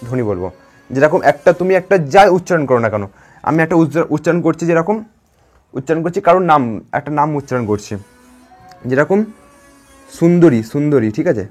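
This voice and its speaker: Fast-talking male teacher checking in with children. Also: on the high side, animated, darkish tone, faint music behind. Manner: repetitive, checks in with "ঠিক আছে?" often. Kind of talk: classroom grammar lesson to children.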